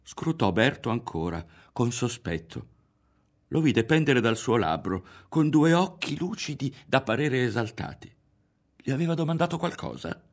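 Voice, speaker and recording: A man reading a novel aloud as an audiobook narrator, in an expressive, dramatic way. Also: medium pitch, a little slow. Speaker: audiobook reader.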